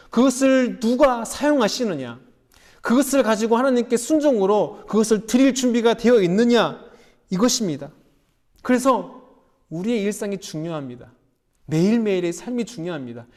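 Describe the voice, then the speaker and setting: A man's voice: high-pitched, a little mellow. A young male pastor delivering a sermon, earnest and emphatic, building to rising appeals.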